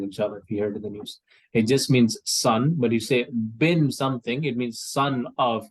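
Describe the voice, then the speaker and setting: A man teaching an Arabic lesson to students, quizzing them on words and explaining slowly with many fillers. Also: medium pitch, rough recording. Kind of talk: online class lesson.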